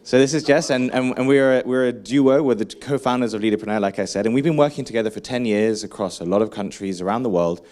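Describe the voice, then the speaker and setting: A man giving a lively conference keynote, engaging the audience with questions and frequent asides. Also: mid-range voice, quick pace, few pauses. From England. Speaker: keynote speaker.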